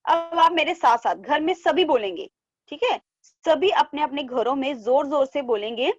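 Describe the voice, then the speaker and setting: A woman teacher giving an online class to young children, drawing out syllables slowly and repeating each word twice for them to copy. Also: sits high, animated, no room sound, muffled recording. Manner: coaxing, repeats words in pairs. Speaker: primary school teacher. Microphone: online class from home.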